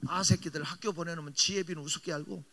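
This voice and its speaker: A man's voice: a little high, steady tone, fast, sharp tone. A middle-aged male pastor preaching a revival sermon in a church sanctuary, telling a story with animation and teasing the congregation. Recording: long reverb of a large hall.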